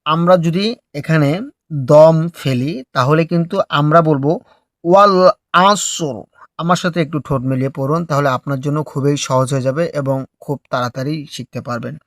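A man teaching recitation step by step, explaining slowly and patiently before drawing out each phrase in a melodic chant. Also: fairly high pitch, fairly even intonation, dry recording, clean studio sound.

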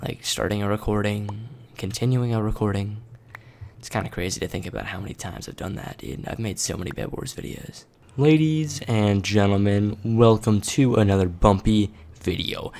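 An eighteen-year-old man quietly commentating a game late at night in his bedroom, calling viewers "boys" and "dude". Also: fairly low pitch, moderate pace. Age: 18, young adult. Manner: hushed and casual, calls viewers "boys" and "dude". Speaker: gaming YouTuber. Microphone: desk microphone turned up.

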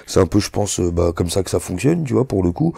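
A rapper in his thirties, not a native French speaker, sits for a casual interview as a guest, talking loosely and with slang, full of "tu vois" fillers. His deep voice is sing-song, fast, creaky and mellow with a breathy edge, and the recording is dry.

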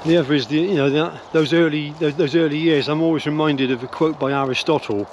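An older English vlogger talks quickly as he walks his dogs through the woods, his rather high voice holding a steady tone while he hesitates, restarts and uses many fillers in a rambling opinion vlog. The phone or camera is held close at arm's length, and the audio sounds dull with slight background noise.

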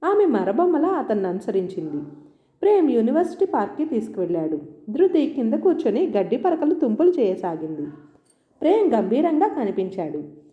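A woman narrating a scripted story in an even, measured way. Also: fairly high pitch. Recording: roomy, dull lo-fi sound.

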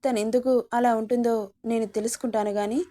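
A woman's voice: a little high, little pitch movement, fairly quick, warm tone, lightly acted. A woman voicing a caring, playful young husband in a storybook reading.

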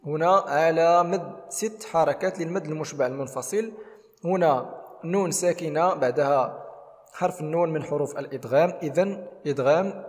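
A man's voice: fairly high pitch, brisk, a little mellow, big-room sound. A man teaching Quran recitation rules, explaining each rule methodically step by step. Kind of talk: tajweed lesson with demonstrations.

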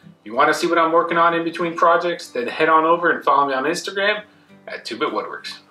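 A man's voice: fairly high pitch, expressive, fast, sharp tone. A man in his thirties, a woodworking channel host, talking casually and directly to the camera in his indoor shop. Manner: plain, friendly, direct to camera. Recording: echoey shop room. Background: faint guitar music.

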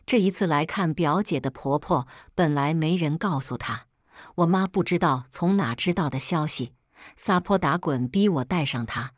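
Expressive low-voiced woman storyteller. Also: dry recording, clean studio sound. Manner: dramatic, expressive. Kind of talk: scripted first-person story narration.

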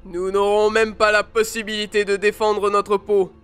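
A woman plays a grim male swordsman in a read-aloud adventure, raging and bold, his voice low and smooth. Faint music plays beneath him. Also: level tone, moderate pace, natural voice.

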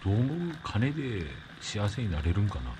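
A man's voice: lowish voice, very animated, normal speed. A man chatting casually in colloquial dialect over food and drinks. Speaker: vlog participant. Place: inside a tent. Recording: noisy ambient tent recording.

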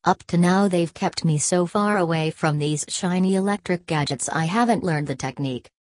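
A woman's voice: on the low side, moderate pace, no room sound, close to an everyday voice. A woman reading an audiobook, voicing a nervous young man giving an oratorical speech to a crowd. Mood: self-deprecating. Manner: oratorical, building rhetoric. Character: nervous young male speaker rousing a crowd.

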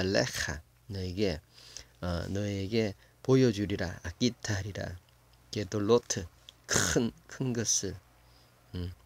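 A man giving a casual, musing Bible lesson, thinking aloud with many fillers and slowly sounding out words before explaining them. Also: fairly low pitch, a little mellow, no room sound. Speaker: Bible Hebrew teacher.

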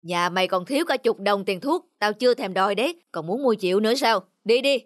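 A woman voicing a stingy, gruff male medicine seller in a cartoon, talking harshly and dismissively. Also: medium pitch, expressive, brisk, lightly acted. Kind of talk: cartoon voice acting. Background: music.

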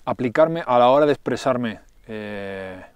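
A man's voice: medium pitch, animated, measured pace, clean tone, no echo, lo-fi sound. A man in casual conversation, thoughtfully explaining his ideas with examples. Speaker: social entrepreneur guest.

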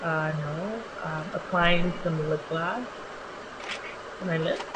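In a small home bathroom, a young beauty vlogger gives a relaxed, chatty voice-over for a makeup tutorial. Her low voice is slightly raspy since she's just woken up, and she fills pauses with ums. A clear hiss runs beneath the home recording.

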